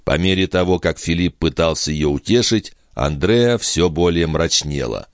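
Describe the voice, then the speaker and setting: A man narrating a novel as an audiobook in a measured, even storytelling manner. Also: low-pitched, no room sound, studio quality. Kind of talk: scripted narration.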